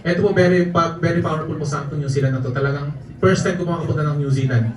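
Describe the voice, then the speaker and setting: A man's voice: a little high, fast. A man telling jokey travel stories to a live audience, laughing often as he speaks, recorded from a distance in an event hall. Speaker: network marketing speaker. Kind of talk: storytelling talk to a live audience. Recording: echoey hall, distant mic, audience noise.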